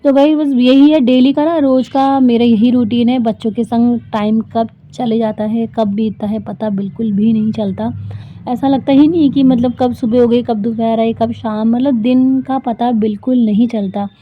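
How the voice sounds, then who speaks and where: This vlog voice-over comes from a thirty-something homemaker whose voice sits on the high side, with fairly even intonation and a moderate pace. She chats and rambles with plenty of fillers, over slight background noise, in a dry, thin, phone-like recording.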